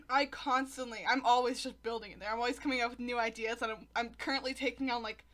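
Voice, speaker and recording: A woman's voice: fairly high pitch, fairly even intonation, quick pace, a bit bright. A young woman in a casual podcast chat, talking in a dramatic, complaining way. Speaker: podcast co-host.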